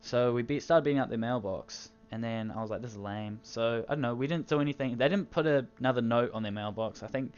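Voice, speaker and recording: A teenage man tells a story in a loose, rambling way, swearing at almost every turn. He speaks at an ordinary pitch for a man. The recording is dull and lo-fi, with faint music underneath. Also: quick pace, few pauses, a little mellow, smooth. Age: teens. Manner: crude, swears constantly, rambling. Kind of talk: casual storytime narration.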